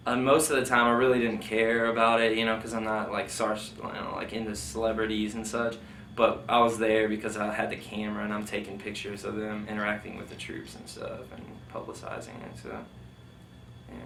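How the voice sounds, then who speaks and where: This man, a veteran being interviewed, talks briskly in a lowish, monotone voice with a slightly bright edge. He casually wanders through memories of his service, full of fillers like "like" and "you know." The sound is roomy, the mic distant, with faint noise.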